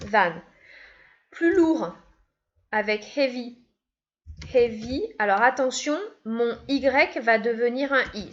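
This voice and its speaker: A woman teaching an English grammar lesson, patiently repeating each step. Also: a little high. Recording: dull, lo-fi sound.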